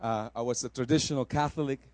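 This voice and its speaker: A man from El Salvador preaching a sermon, rising to loud exclamations and dropping soft for personal testimony. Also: mid-range voice, fairly even intonation, fast, no echo.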